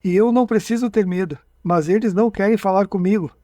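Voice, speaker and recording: A dazed hypnotized man reliving a strange night on a dark road, halting and stumbling over his own words, as a man reads him aloud. The voice sits fairly high and dry, with no room around it. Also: dry recording, lightly acted. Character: frightened man reliving an abduction under hypnosis.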